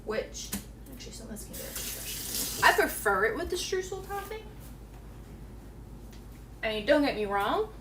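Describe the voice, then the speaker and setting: A woman's voice: on the high side, big pitch swings, moderate pace, pauses often, roomy sound, distant mic, background noise. A young woman hosting a home baking channel, chatting casually while doing chores in her home kitchen and cooing at her dog, picked up by a camera mic across the room.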